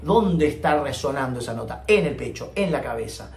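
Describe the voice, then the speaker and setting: Male vocal coach, animated and joking, recorded in an echoey room. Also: medium pitch, a little fast. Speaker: singing teacher. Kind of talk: online singing lesson. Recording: echoey room, faint ambient noise.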